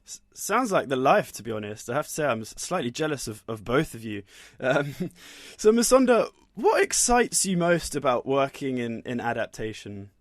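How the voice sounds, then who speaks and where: A man's voice: mid-range voice, sing-song, normal speed, no echo, studio quality. A man co-hosting a podcast, asking curious conversational questions. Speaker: podcast co-host. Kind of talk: podcast interview.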